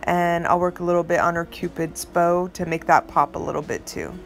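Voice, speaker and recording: A woman's voice: lowish voice, little pitch movement, fairly quick, gravelly, soft background music. Chatty middle-aged woman narrating her art. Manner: chatty and rambling, self-described dramatic. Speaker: art vlogger. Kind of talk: casual voice-over narration.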